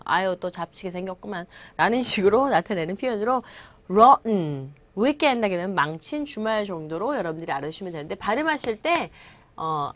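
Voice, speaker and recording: A woman English teacher giving a classroom-style lecture. She explains patiently and reads each English example slowly and deliberately. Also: medium pitch. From Korea.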